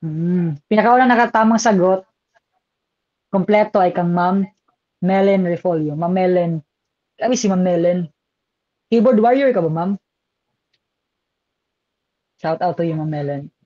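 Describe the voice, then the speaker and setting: A man's voice: high-pitched, normal speed, pauses often, warm tone, dry recording, dull audio. Chatty Filipino man lecturing online. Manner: chatty, code-switching, reads out viewer comments. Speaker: board exam reviewer. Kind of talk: live online review lecture.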